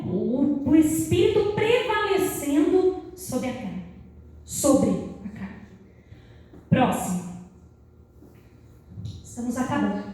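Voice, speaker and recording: High-voiced Brazilian woman teaching in an echoey church hall. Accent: Brazilian Portuguese. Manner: animated, acts out little quoted scenes. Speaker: Bible study teacher. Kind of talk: church Bible lesson. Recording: echoey room, voice from far off the mic.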